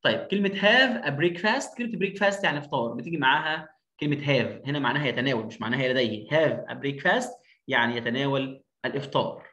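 Egyptian male phonics teacher, emphatic repetitive drilling, mid-pitched voice, echoey room sound. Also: lively intonation, brisk, bright, forceful tone, highs cut off. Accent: Egyptian Arabic. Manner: drills words by repeating them, emphatic. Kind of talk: online lesson. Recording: roomy echo.

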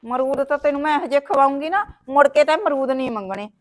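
A worried, theatrical sister-in-law with a high voice and a Punjabi accent, given to wailing and nagging advice. The acting is plain and homely, in the way of a village short film, with a woman playing her. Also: lively intonation, fast. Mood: fretful. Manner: dramatic wailing, scolding. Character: fretful sister-in-law caring for her brother's wife.

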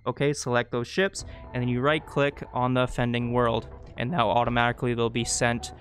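A man's voice: medium pitch, flat delivery, fairly quick, a bit bright, a little hiss or hum. A man giving a casual, rambling tutorial while playing a strategy game, often correcting himself mid-sentence. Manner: rambling, self-correcting, chatty asides. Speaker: gameplay guide host. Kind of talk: casual gameplay tutorial commentary.

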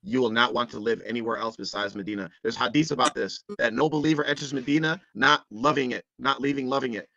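A man's voice: medium pitch, fast, creaky, few pauses, bright, forceful tone, dry recording, muffled recording. A man in a casual group chat, telling stories earnestly and emotionally. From United States. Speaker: podcast panelist.

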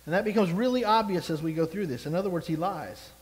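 A pastor preaching a sermon in a notably high voice for a man, his words trailing off into the long reverb of a large hall. He preaches expressively and keeps turning to the congregation with rhetorical questions. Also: fast.

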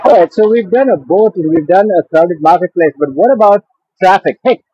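A man's voice: high-pitched, lively intonation, brisk, slight background noise. Muffled man on an earbud mic outdoors. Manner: casual, talking as he walks. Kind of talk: mic test while walking. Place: busy outdoor market and traffic tunnel. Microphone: wireless earbud mic.

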